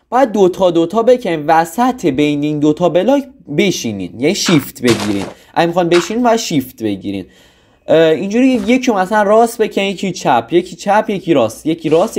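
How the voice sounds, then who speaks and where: A man's voice: a little high, sing-song, darkish tone. A young man casually explaining a video game in a rambling tutorial, with restarts and joking asides. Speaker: gaming tutorial host.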